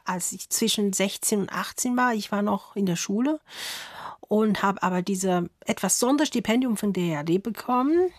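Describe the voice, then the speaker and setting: Here a violinist guest, a woman in her 30s, responds to questions on the radio from a studio. Her pitch is medium, the sound clean with no room tone, and she comes across as thoughtful, laughing softly and occasionally slipping in her grammar.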